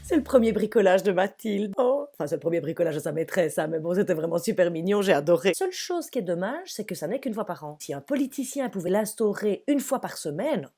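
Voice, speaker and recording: A woman's voice: lowish voice, quick pace, hardly any pauses, soft background music. A woman comedian in her forties telling a chatty, exasperated comic monologue to an unseen therapist. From Belgium. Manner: chatty, exasperated, animated storytelling.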